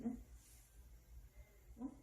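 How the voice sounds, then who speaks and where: A woman giving parenting advice in casual counseling talk, lively and animated, often acting out a child's voice. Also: very slow. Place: counseling room indoors. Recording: echoey room from a distance, faint ambient noise.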